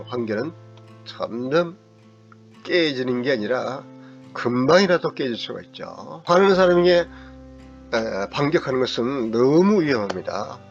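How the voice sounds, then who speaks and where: A man's voice: medium pitch, vocal fry. A middle-aged man lecturing as a counseling psychologist, explaining step by step and sometimes acting out angry remarks in a raised voice. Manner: acts out angry quoted lines in a raised voice. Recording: slightly dull recording with faint guitar music.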